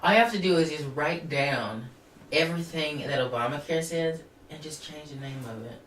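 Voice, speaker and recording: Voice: mid-range voice, fairly bright tone, recorded from a distance, slight background noise. Casual podcast co-host, hesitant and questioning. Set off-mic in an echoey room. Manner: hesitant, confused questions, quick interjections. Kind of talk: casual chat.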